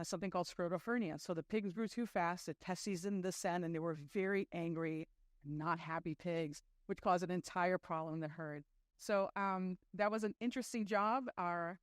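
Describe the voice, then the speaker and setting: The talk comes from a middle-aged conference speaker from Brazil whose low voice sounds clear and resonant. Her delivery is chatty, peppered with fillers and self-mocking remarks, captured as clean studio sound without room noise.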